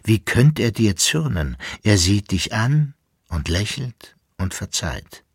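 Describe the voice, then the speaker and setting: A man's voice: on the low side, very animated, slow pace, vocal fry, breathy edge, dry recording, studio quality, full character voice. A man voicing a grave, lovesick emperor in a literary audiobook, with earnest, tender declamation. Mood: soothing. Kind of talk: audiobook reading.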